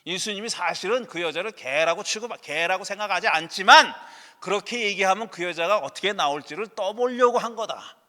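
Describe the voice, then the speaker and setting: Male pastor, middle-aged, high and bright, conversational sermon with sharp asides, long church reverb. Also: a little fast. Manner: conversational preaching with rhetorical questions and sharp dismissive asides. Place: church sanctuary.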